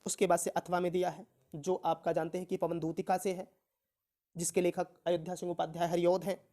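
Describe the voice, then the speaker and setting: A woman teaching an exam-prep Hindi lesson, reading verses slowly and then explaining them, often asking herself a question and answering it. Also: lowish voice, little pitch movement, mellow. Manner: recites verse slowly with rising emphasis, then explains in plain terms.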